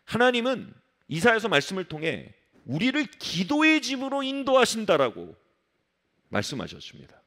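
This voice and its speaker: A man preaching a sermon as pastor of a church, emphatic, dropping to low soft tones to stress points and acting out the voices of people he quotes. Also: wildly swooping pitch, normal speed. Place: church sanctuary.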